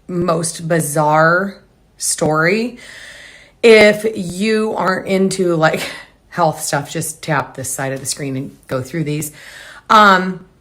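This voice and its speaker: A woman home decor blogger talking casually to camera, hurried and rambling with restarts. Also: lowish voice, fairly bright tone.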